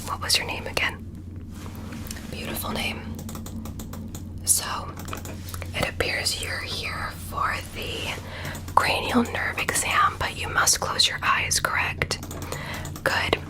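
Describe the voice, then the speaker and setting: Soothing slow-whispering woman doctor. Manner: soothing, deliberate whispered instructions. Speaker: doctor in a roleplay. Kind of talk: whispered ASMR roleplay.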